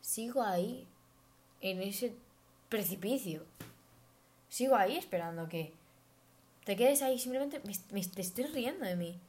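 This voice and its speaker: A woman's voice: medium pitch, lively intonation, measured pace, long pauses, a little mellow. A woman, hosting a reflective personal monologue in an earnest, thoughtful, advice-giving way. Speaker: podcast host.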